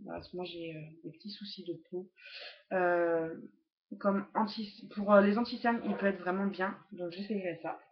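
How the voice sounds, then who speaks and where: A woman's voice: mid-range voice, highs cut off. A woman casually reviewing makeup brushes, hesitant and chatty with many fillers, recorded at home on a laptop webcam. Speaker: beauty vlogger.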